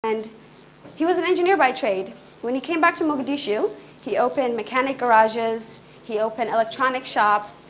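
A young woman who grew up in Canada gives an earnest, fluent public talk on stage in a small indoor room, speaking quickly with brief restarts. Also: a little high, a bit bright, a little hiss or hum, low-quality recording. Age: young adult. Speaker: conference speaker.

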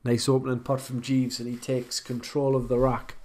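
This is a man with a mid-range voice giving casual commentary on an online pool match. He talks in a conversational way, often pausing to think aloud about the shot he would play himself. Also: medium pitch, monotone, a little mellow.

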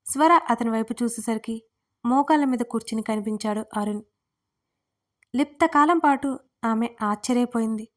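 Woman narrating an audio story, slightly high voice. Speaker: writer and narrator.

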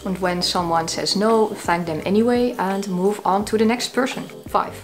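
A woman's voice: mid-range voice, steady tone, normal speed, faint music behind. A woman in her thirties sharing tips to camera from a small cozy room, with a dry, self-mocking humor. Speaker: YouTube creator. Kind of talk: talking-head tips video.

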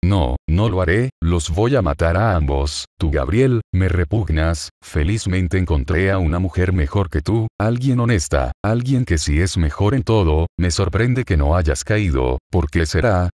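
A man's voice: deep voice, lively intonation, a little slow, hardly any pauses, a little mellow, dry recording, clean studio sound. Issei: a man reading a furious betrayed young warrior. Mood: contemptuous. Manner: furious, contemptuous and cursing. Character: vengeful betrayed young male demon warrior.

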